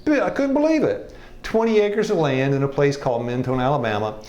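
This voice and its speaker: A man in his sixties who teaches health evangelism tells a class his life story, folksy and joking and often laughing. His voice is fairly high and briskly lively, a little mellow. The classroom with its live audience sounds echoey, and the highs are cut off.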